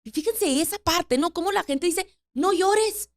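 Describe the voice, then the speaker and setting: A woman speaks in a high voice on her own podcast. She talks earnestly and reflectively, restarting phrases and repeating words as she works through her thoughts. She sounds middle-aged. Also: normal speed. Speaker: podcast host. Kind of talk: reflective solo podcast talk on grief.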